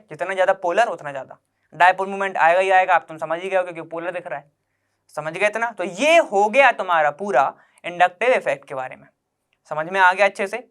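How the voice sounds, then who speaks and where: A man's voice: high-pitched, a bit bright. A man teaching chemistry to students, explaining step by step in an informal, coaxing way, asking the class questions and repeating the key points. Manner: informal and coaxing, asks the class questions and checks they follow.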